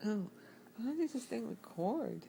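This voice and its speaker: A woman's voice: fairly high pitch, sing-song, a little slow, gravelly, background noise. A woman at home, tipsy and hiccuping, chatting casually and breaking off mid-word. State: hiccuping, tipsy after a night out. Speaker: person recording her hiccups at home. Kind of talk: casual home video chat. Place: home, indoors.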